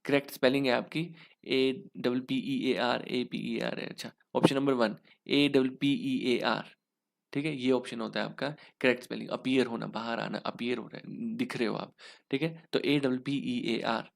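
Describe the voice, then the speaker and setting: Gravelly man explaining exam English. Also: medium pitch, steady tone, moderate pace. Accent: Indian English. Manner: explains step by step, asks then answers himself. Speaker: English teacher. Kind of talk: exam lesson in Hinglish.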